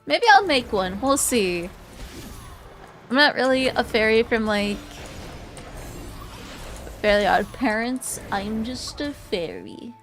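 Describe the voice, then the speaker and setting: A woman's voice: a little high, expressive, takes it slowly, pauses often, a bit bright, soft background music. A woman in her twenties chatting casually with her stream viewers, rambling and giggly with lots of fillers. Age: 20s. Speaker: VTuber streamer.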